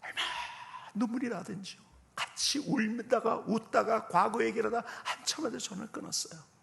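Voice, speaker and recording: A man in his fifties, a guest pastor giving a revival sermon with personal testimony, swinging from loud exclamations to soft whispers and asking the congregation questions. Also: high-pitched, normal speed, vocal fry. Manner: addresses congregation directly with questions.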